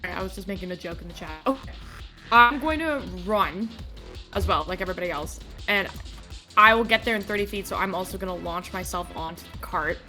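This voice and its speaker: A woman's voice: on the low side, brisk, sharp tone. A woman chatting casually as a player in a tabletop role-playing game. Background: background music.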